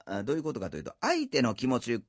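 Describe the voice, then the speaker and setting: A man's voice: mid-range voice, quick pace, dry recording, studio quality. A middle-aged man with a Kansai accent, telling comic anecdotes as a rakugo storyteller and acting out the voices. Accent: Kansai Japanese. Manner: lively storyteller, acts out voices.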